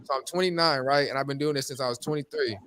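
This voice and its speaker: A man in his late twenties hosting a casual podcast, fast-talking and rambling with lots of fillers. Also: mid-range voice, a bit bright, clear, resonant tone. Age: 20s. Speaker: podcast host.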